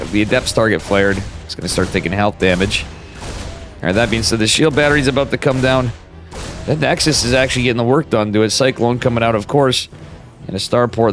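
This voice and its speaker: A man with a cold and a whistling nose giving casual, slangy live esports commentary. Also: mid-range voice. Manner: informal, slangy, chatty. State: stuffed up with a cold.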